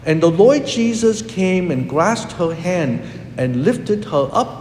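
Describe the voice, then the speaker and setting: A man delivers a homily in a slightly high voice that swings widely up and down. He speaks slowly and with emphasis, and the long reverb of a big church hall trails after each phrase. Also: very animated, darkish tone, a little hiss or hum. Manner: slow, emphatic delivery with dramatic rises and drops. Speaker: priest preaching a homily. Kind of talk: sermon.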